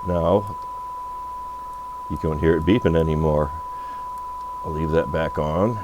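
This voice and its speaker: A radio repair presenter with a rumbling low voice talks slowly while doing a hands-on, off-the-cuff demo at an electronics workbench. The audio is muffled and noisy, with electrical hum.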